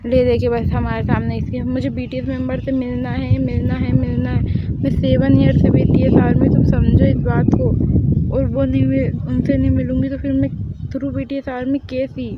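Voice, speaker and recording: Girl playing a whiny stubborn young fangirl, flat-ish voice, kinda high. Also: moderate pace, lo-fi sound, heavy background noise, close to an everyday voice. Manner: pleading, complaining.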